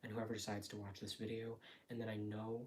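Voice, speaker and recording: A man talking casually and quietly on a late-night livestream from home, in a hesitant, rambling, reflective way. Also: lowish voice, level tone, brisk. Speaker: live streamer. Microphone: phone.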